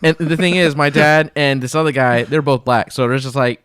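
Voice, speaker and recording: A man's voice: medium pitch, normal speed, smooth, no echo, studio quality. Blunt, joking man telling stories on a podcast. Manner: animated storyteller, blunt and joking. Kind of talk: casual podcast chat.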